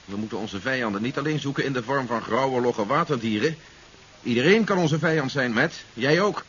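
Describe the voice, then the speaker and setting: A man's voice: medium pitch, expressive, brisk, natural voice. A man playing a resolute, coolly calculating general in a 1970s science fiction radio play, articulate and matter-of-fact. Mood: grave, placating. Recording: dull 1970s radio recording with hiss.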